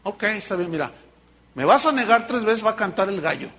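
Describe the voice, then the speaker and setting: A man voicing Jesus as a patient, fatherly teacher, gentle and conversational, in a retold sermon scene. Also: sits high, lively intonation, a little fast. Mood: calm.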